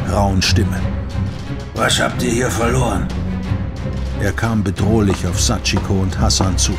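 Brief: male audiobook narrator, measured and steady, somewhat low voice.

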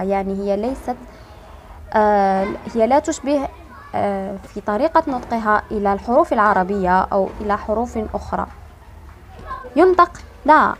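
A woman teaching an online language lesson, explaining slowly and patiently, stretching key words and pausing to think. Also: fairly high pitch, darkish tone, a little hiss or hum.

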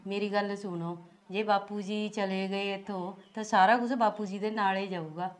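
A woman's voice: mid-range voice, steady tone, normal speed, lightly acted. A woman playing a scheming daughter-in-law who sweet-talks her husband's family. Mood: placating. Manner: placating, sweet-talking.

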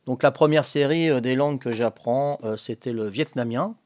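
On a casual home video, an older man with a Corsican French accent, a language-learning vlogger, jokes around while hesitating, using many fillers and restarts. His mid-range voice is a little mellow and moves at a moderate pace.

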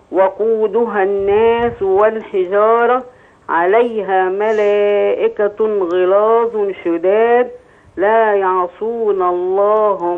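A woman with an Egyptian accent calling in to recite Quran slowly and measuredly, then answering the sheikh briefly and politely. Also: mid-range voice. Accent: Egyptian Arabic. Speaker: caller reciting on a live show. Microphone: phone. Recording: tinny phone line.

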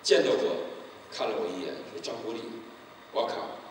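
A middle-aged man preaches a testimony sermon, acting out each character with a very lively pitch. The sound comes from far off in a big reverberant church hall. Steady background noise sits under his voice. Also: normal speed. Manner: animated storytelling, acting out quoted people. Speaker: pastor. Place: church sanctuary. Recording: echoey hall, distant mic, noisy.

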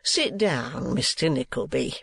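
A man voicing a greedy, sanctimonious middle-aged schoolmaster in a storybook reading, with an oily, drawn-out, preachy delivery. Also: mid-range voice, lively intonation, gravelly, fairly bright tone, husky, no echo, studio quality, full character voice.

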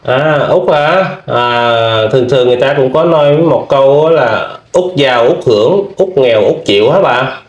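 A man hosting a video, gently questioning an older woman with many fillers. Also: medium pitch, moderate pace, hardly any pauses, echoey room, highs cut off. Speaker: vlog host interviewing. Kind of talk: casual interview.

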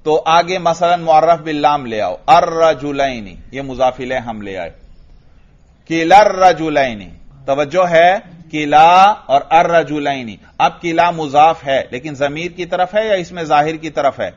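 A man with a Pakistani Urdu accent teaching Arabic grammar in a classroom lecture, asking questions and answering them himself, and reciting Arabic examples slowly. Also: a little high. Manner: drills students with questions and answers. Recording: dull lo-fi recording.

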